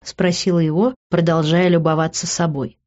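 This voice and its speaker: A woman reading a first-person audiobook narration in a playful, lively way, switching between character voices. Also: lowish voice, moderate pace. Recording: dull lo-fi recording.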